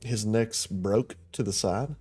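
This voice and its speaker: A man's voice: fairly low pitch, slow pace, darkish tone, husky. A young man running an online tabletop game as game master, joking and swearing casually.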